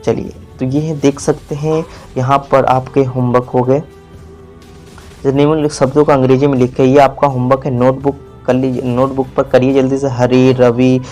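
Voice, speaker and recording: A man's voice: medium pitch, flat delivery, normal speed, darkish tone, faint music behind. A man giving a spelling lesson, repeating words and quizzing the viewer, stretching out vowels. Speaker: teacher. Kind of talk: classroom-style spelling lesson.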